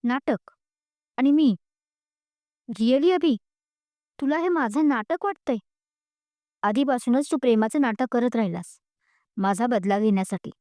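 A woman's voice: a little high, animated, measured pace, long pauses, dry recording. A woman voicing an angry, hurt young woman student who scolds sharply and is close to tears, in a spoken storybook. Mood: angry, tearful. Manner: sharp, raised, tearful scolding.

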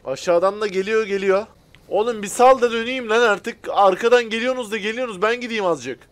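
A man hosting a gaming video, chatting to viewers in casual commentary, excitable and profane as he shouts at other drivers. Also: high-pitched, a little fast. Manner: talks directly to viewers.

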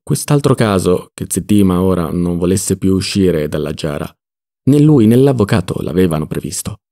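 A man narrating a literary audiobook in an expressive, dramatic reading style. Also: deep voice, moderate pace, vocal fry. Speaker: audiobook reader.

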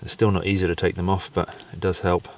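A man's voice: sits low, level tone, fast talker, a little mellow. A man in his forties with an English accent, tired and self-deprecating, talking to camera while working outdoors in a woodland at night. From England. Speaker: bushcraft vlogger. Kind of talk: casual narration to camera. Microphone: camera mic, close framing.

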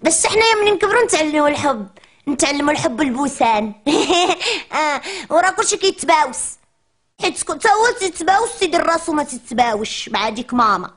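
A woman's voice: high-pitched, big pitch swings, fast, a bit bright. A woman playing a whiny Moroccan little girl. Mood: complaining. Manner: whiny complaining childish chatter. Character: chatty cheeky little preschool girl. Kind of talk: comic monologue.

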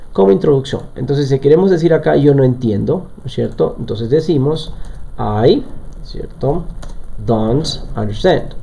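A man's voice: medium pitch, gravelly, dark tone. A man teaching a live online language lesson, explaining step by step and often checking in with his students. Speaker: English teacher.

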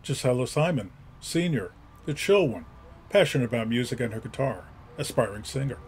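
A man giving scripted narration, crisply introducing each character in a list-like way. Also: medium pitch, animated, fairly quick, a little hiss or hum.

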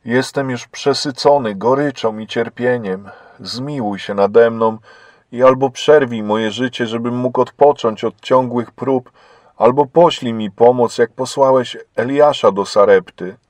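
A man's voice: medium pitch, measured pace, darkish tone, no echo, lightly acted. A man voicing a starving, meek male prisoner who speaks timidly and humbly, in a read-aloud story. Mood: pleading prayer.

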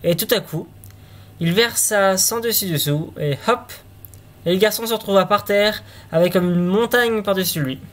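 A man's voice: high-pitched, moderate pace. A man reading a fairy tale aloud, now and then stumbling and restarting words. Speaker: storyteller.

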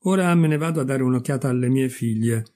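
A man voicing a chatty, boastful female frog in a storybook reading, talking on cheerfully without a pause. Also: medium pitch, warm tone, close to an everyday voice. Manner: talkative, cheerful, self-satisfied.

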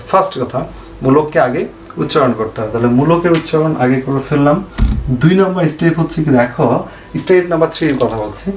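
Man teaching a chemistry lesson in an echoey room. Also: medium pitch. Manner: asks questions and answers them himself, repeats key points. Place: home room, fan switched off. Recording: echoey room, faint noise.

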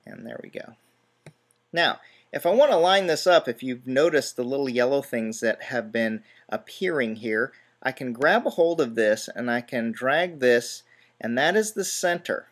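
Man, relaxed tutorial host, walks through steps plainly with dry little asides. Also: medium pitch, moderate pace. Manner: step-by-step, relaxed, self-deprecating asides. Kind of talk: screen-recorded software tutorial.

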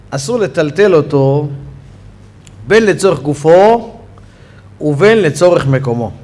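A man teaching a Torah lesson on Sabbath law in a study hall, with an Israeli accent, telling stories with a voice that rises sharply when he gets excited. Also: sits high. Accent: Israeli Hebrew. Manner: animated storytelling, voice rising sharply when excited. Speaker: rabbi teaching a Torah class.

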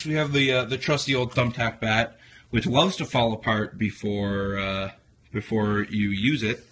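A young Canadian vlogger with a fairly low, steady voice narrates casually into his phone camera at a measured pace, wry and rambling with plenty of fillers and restarts. He starts in a garage and moves to a barn wrestling show, with background noise throughout.

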